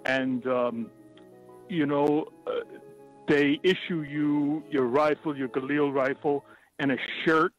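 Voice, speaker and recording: A man calling in over a phone line to a radio talk show, speaking in a halting, hesitant way. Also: a little high, fairly even intonation, soft background music. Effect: heard over a phone line. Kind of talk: prank call to a talk show.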